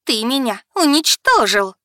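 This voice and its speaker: A woman voicing a shrill, tearful young sister. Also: big pitch swings, a little slow, a bit bright, no echo, studio quality, exaggerated voice. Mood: wailing. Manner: shrill, pleading, near hysterical.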